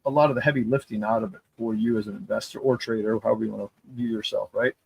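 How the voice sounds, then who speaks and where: A man's voice: lowish voice, steady tone, rapid-fire, gravelly, a little mellow, breathy edge. A man hosting a casual chat, enthusiastic and affirming, often repeating his praise. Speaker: host.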